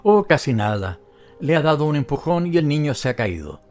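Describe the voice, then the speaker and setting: A male narrator voicing a meek, calm husband who speaks quietly and apologetically in an audiobook. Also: a little high, brisk, faint music behind. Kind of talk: audiobook character reading.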